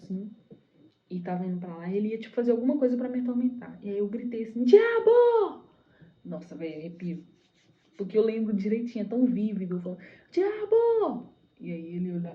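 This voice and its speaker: A woman in her twenties with a Brazilian accent, telling a personal testimony in an animated, breathless way with many casual fillers. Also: mid-range voice, muffled recording. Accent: Brazilian Portuguese. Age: 20s. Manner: animated, breathless retelling full of "tipo assim" fillers.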